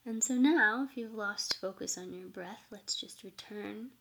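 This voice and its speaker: A woman's voice: medium pitch, a little slow, background noise. A woman giving informal meditation instruction as a teacher, speaking in a reflective, conversational way.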